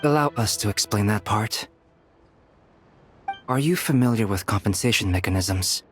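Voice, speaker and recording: An actor as a scholarly video game researcher with a fairly low male voice. He is composed and formal, explaining carefully over faint music. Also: lively intonation, normal speed, close to an everyday voice. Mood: clinical.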